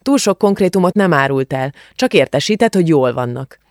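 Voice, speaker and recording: A woman's voice: deep voice, expressive, darkish tone, no echo. Cheeky, blunt teen girl, offhand delivery, dry close read, voiced by a woman. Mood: brisk, informative. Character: brash, cheeky teenage girl friend. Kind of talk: audiobook character reading.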